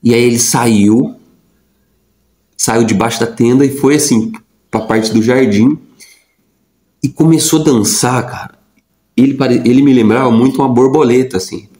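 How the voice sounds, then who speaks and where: A man's voice: medium pitch, steady tone, moderate pace, long pauses, mellow, roomy sound, rough recording. A young adult man telling a personal story in a casual, rambling way, with lots of fillers and repeated words. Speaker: vlogger.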